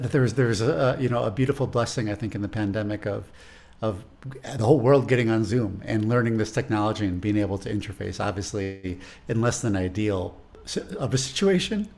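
A man's voice: fairly low pitch, a little mellow. A man with a Chicago accent who teaches music, talking casually in an interview. He is thoughtful and rambling, and often repeats words as he gathers his thoughts.

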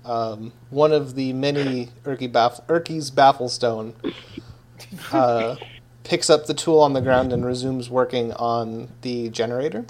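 Man, game master, relaxed narration, lots of ums, faint hum. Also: medium pitch, unhurried. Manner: relaxed, hesitant with many fillers.

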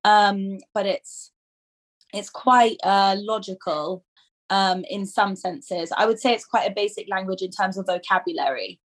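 A chatty woman in her twenties from England sits as a guest in a relaxed conversation. She talks in a loose, filler-heavy way, often laughing at herself. Her voice sits at an ordinary middle pitch. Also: unhurried. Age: 20s. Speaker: dental student guest. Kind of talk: casual conversational interview.

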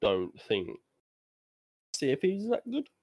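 A man co-hosting a gaming podcast, delivering short, deadpan, contrarian remarks. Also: a little high, a little slow, no room sound, clean studio sound. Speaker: podcast co-host. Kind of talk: casual banter.

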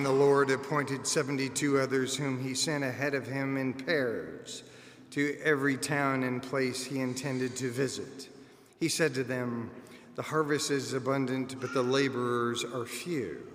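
A man's voice: medium pitch, fairly even intonation, a bit bright, slight background noise. Man proclaiming the Gospel in cathedral echo. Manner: measured, formal proclamation. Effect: cathedral-like echo with long reverb. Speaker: clergyman reading the Gospel at Mass. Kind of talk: liturgical Gospel reading. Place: large church during Mass. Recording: echoey church hall, long reverb.

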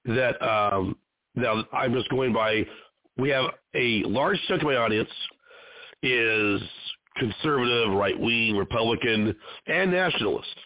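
Over a dry, tinny phone line, a man who hosts and produces an independent show conducts an interview in a rambling, conversational way, often trailing off. His medium-pitched voice is expressive and unhurried, with no echo.

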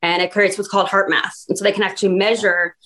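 Fast-talking earnest woman guest. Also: medium pitch, little pitch movement, a bit bright. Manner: earnest, rambling, heavy use of "like". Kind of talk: casual podcast conversation.

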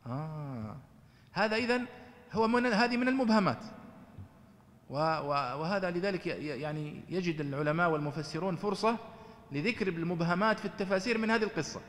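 A man's voice: high voice, expressive, a little fast, a bit bright, big-room sound. A man teaching Quran commentary in a conversational lecture style, asking his students rhetorical questions.

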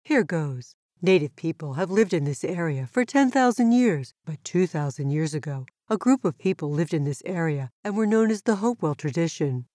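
A woman voicing a smart, patient tortoise who explains things precisely and in a measured way for a children's educational show. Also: sits low, darkish tone, no room sound, clean studio sound. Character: super smart tortoise, patient, knowledgeable and friendly. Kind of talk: scripted educational dialogue for children.

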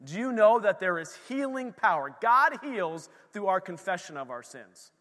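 A male pastor preaching a sermon, moving between quiet, close storytelling and loud, fervent exhortation. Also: high-pitched, big pitch swings, normal speed, big-room sound.

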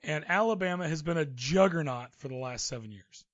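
A man co-hosting a casual sports talk podcast reads out the news and then riffs chattily with his own opinions. His fairly high voice is animated and brisk, and the recording has its highs cut off.

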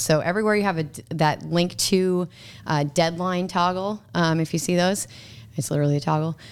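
Woman podcast guest, forties, low smooth voice, chatty and loose. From Minnesota. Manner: chatty, with frequent fillers and restarts. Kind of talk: casual podcast chat.

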